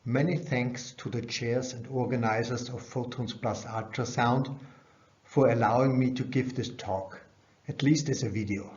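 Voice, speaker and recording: A middle-aged man presenting at a conference delivers a dull scientific lecture over slides. His medium-pitched voice has a darkish tone, heard through dull, band-limited webcam audio.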